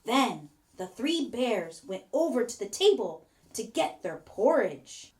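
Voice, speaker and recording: High, lively woman storyteller. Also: slow. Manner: expressive storybook emphasis. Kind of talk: scripted children's fairy-tale narration.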